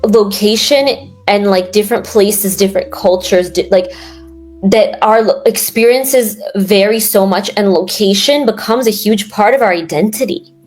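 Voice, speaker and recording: Young adult woman from New York, casual interview guest, rambling and filler-heavy, mid-pitched voice, faint music underneath. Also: moderate pace, darkish tone. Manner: rambling, many fillers and restarts.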